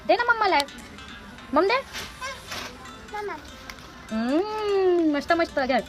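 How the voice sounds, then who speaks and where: A woman's voice: very high voice, expressive, slow, dull audio, loud music behind the voice. A mother talking to her toddler in a playful home vlog, coaxing her in sing-song baby talk. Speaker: mother and vlogger.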